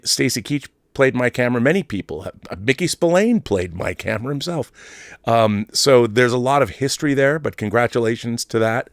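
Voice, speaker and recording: A man in his fifties hosts a film fan show, giving casual, emphatic live commentary and reading viewer mail, often wandering off-topic and repeating phrases for emphasis. His voice is fairly low, in studio quality with no echo.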